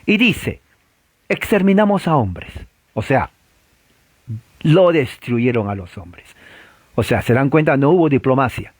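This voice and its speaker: A man preaching a sermon, provocative and full of rhetorical questions, swinging from loud to low. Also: big pitch swings, measured pace, pauses often, no room sound.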